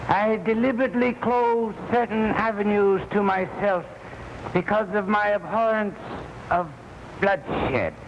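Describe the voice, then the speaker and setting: An actor playing a scheming, courtly male villain boss, speaking in a formal, slow and deliberate way, heard on a noisy, dull 1950s TV broadcast recording. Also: high-pitched. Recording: hissy, muffled old TV soundtrack.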